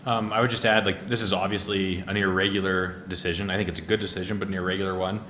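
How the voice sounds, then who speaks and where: A man speaking as a councillor in a meeting, measured, with filler words. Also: deep voice, level tone, bright, forceful tone. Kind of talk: council debate remark. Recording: echoey chamber with faint noise.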